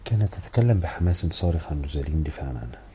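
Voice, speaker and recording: A man narrating a novel in the first person with a steady, brisk literary reading. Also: extremely low pitch, slight background noise. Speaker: audiobook narrator.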